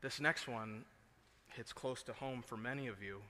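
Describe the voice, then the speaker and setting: A pastor preaching a sermon, moving from quiet earnest passages to loud, emphatic peaks. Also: male voice, medium pitch, moderate pace. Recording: long hall reverb.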